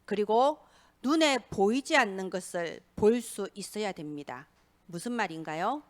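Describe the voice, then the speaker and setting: A woman's voice: medium pitch, lively intonation, moderate pace. A woman pastor preaching a sermon in church, asking rhetorical questions and acting out quoted speech.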